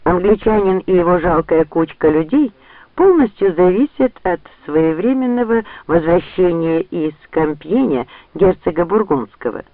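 A man's voice: high-pitched, no room sound, pitched above the performer's own voice, exaggerated voice. Guy doing a smug scheming noble, sneering, tinny dry audio. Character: scheming arrogant young nobleman, mocking. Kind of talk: audiobook character reading. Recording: dry, tinny phone-like sound.

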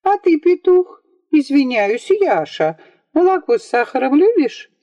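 A pampered little girl , voiced by a woman narrator, squeals and insists in a high, lively voice. The audiobook sound is dull and lo-fi. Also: measured pace, no echo. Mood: chirpy. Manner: shrill, insistent, shouting. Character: spoiled excitable little rich girl.

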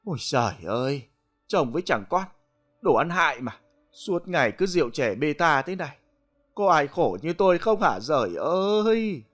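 Man doing a shrill nagging village wife. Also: big pitch swings, moderate pace, soft background music. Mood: scolding. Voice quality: shrill, scolding. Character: nagging peasant wife, middle-aged.

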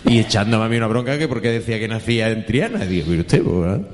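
A man's voice: fairly low pitch, animated, fast talker, darkish tone, a little hiss or hum. A man, a journalist and humor writer, telling funny anecdotes and acting out the people in them with changed voices. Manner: acts out the people in his stories with changed voices. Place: talk event in a hall. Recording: reverberant hall sound.

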